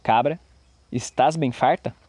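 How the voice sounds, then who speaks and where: A man voicing an older, hot-tempered tailor who shouts indignantly. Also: mid-range voice, unhurried, slightly rough, dry recording. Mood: coaxing.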